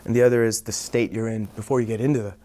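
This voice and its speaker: A man in his thirties, a martial arts teacher, telling a lively story as an interview guest. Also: fairly low pitch, very fast. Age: 30s. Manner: lively, builds up the tension of the story. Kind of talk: animated storytelling.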